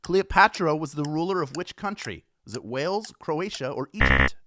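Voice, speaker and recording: An upbeat man hosting a live trivia game, his voice swinging lively up and down as he reads questions and jokes with players. The sound is dry and close, with no room around it. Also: a little high, moderate pace, dry recording. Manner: upbeat, playful, chatty.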